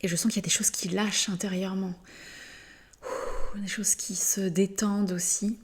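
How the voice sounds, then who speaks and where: A woman giving a slow channeled spiritual message, gentle and halting, often pausing to search for words and yawning between phrases. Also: fairly low pitch, vocal fry, breathy edge. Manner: hesitant, halting, many fillers and pauses; yawns often during the session.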